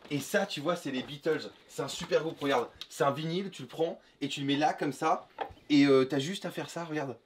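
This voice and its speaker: A man performing an absurd comedy sketch in his bedroom, talking to a friend who films him in a slangy, excitable way. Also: on the high side, brisk, a little hiss or hum. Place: bedroom at home.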